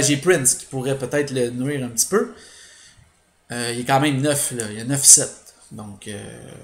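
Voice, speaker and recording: A man's voice: mid-range voice, roomy sound, a little hiss or hum. A man with a Quebec French accent doing let's play commentary, thinking aloud with hesitations and explaining his strategy to viewers. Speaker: gaming channel host.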